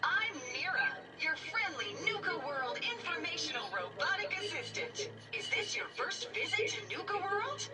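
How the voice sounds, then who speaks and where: A woman voicing a cheerful female robot park guide, her voice passed through a metallic robotic filter, speaking in a sing-song sales pitch. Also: sing-song, normal speed, few pauses. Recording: distant game audio over background music.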